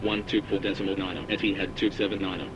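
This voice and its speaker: A man's voice: deep voice, flat delivery, fast talker, noisy background. A man speaking as an airline pilot over a cockpit headset radio, giving clipped radio readbacks. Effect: pilot radio heard through a cockpit headset. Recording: muffled radio channel.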